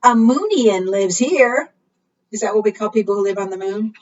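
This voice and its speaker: This librarian reads to young children at preschool storytime with a sing-song delivery, regularly putting questions to them. Her medium-pitched, darkish voice has lively intonation and a moderate pace. The recording is muffled from a distant microphone, with slight background noise.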